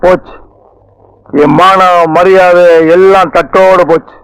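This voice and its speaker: An actor playing a shamed old village patriarch who laments slowly. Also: male voice, high voice, fairly even intonation, clean tone, dry recording, rough recording. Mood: lamenting. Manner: slow, lamenting. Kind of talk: film dialogue.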